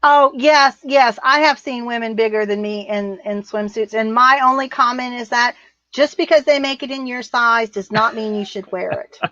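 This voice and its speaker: On a muffled, dry recording without echo, a middle-aged woman with a somewhat high, pushed and bright voice reads viewer comments at a moderate pace. Co-hosting the livestream, she chats casually, rambling bluntly and laughing frequently.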